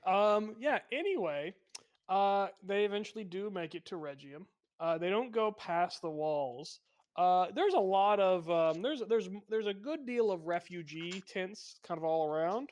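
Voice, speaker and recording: A man's voice: high-pitched, expressive, a little slow. A man narrating a tabletop game as game master in a casual, hesitant way.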